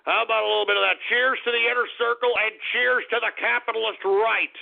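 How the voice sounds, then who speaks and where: A radio host whose voice has been pitched up into a chipmunk voice, ranting and swearing in exasperation. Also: male voice, steady tone, fast, gravelly. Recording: tinny phone-like radio sound.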